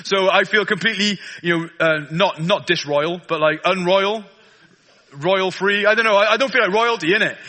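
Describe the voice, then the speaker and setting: A man's voice: sits high, moderate pace, bright, forceful tone. A man with a South Wales Valleys accent preaching an informal sermon in a chatty, self-deprecating, colloquial way. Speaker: guest preacher.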